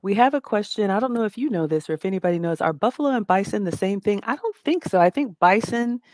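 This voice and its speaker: A woman's voice: mid-range voice, lively intonation, quick pace, no room sound. A woman co-hosting a casual livestream chat over a video call, reading out viewer questions. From Athens, Georgia, US South. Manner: reads viewer questions aloud, warm chatty. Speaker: co-host. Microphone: video call webcam.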